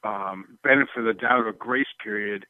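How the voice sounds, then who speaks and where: A man's voice: fairly low pitch, moderate pace, dry recording. A man calling in over the phone as a sportswriter guest, chatting loosely with many "you know"s and "um"s. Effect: phone line. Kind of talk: casual call-in chat. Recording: tinny phone line.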